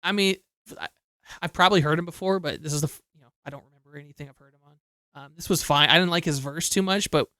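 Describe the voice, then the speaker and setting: A man in his thirties, co-hosting a podcast in casual chat, telling stories quickly and animatedly. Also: on the high side, bright, forceful tone. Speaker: podcast co-host.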